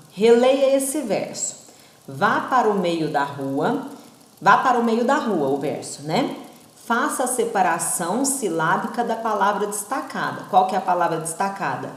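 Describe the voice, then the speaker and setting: A woman's voice: medium pitch, roomy sound. A woman teaching a primary school class, sounding out syllables and asking "right?" checks. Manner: slow, sounds out syllables and vowels, asks rhetorical checks. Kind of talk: recorded online class.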